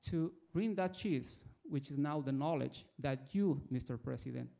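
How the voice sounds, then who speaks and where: His voice is mid-range, gravelly and mellow, expressive and a little slow. He is an Ecuadorian man in his forties with an Ecuadorian Spanish accent, speaking from the audience with a prepared personal story that ends in a question.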